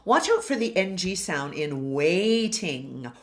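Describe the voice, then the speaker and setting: Low-voiced woman coaching singing pronunciation. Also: very animated, slow pace. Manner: over-enunciates model words, loud and drawn out. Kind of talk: pronunciation lesson.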